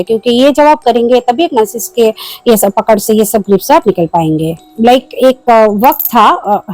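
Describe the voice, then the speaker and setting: A woman's voice: a little high, a little mellow, dry recording, rough recording. A woman hosting an advice video in Hindi, mixing in English phrases and acting out short sample replies. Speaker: self-help video host. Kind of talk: advice talk to camera.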